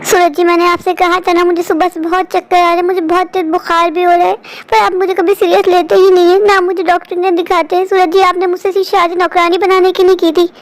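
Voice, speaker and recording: Sad young bahu in a cartoon, high voice, kinda whiny and pleading. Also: female voice, little pitch movement, fast talker, few pauses. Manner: pleading, plaintive. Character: meek, mistreated young wife, woman. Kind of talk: cartoon story voice acting.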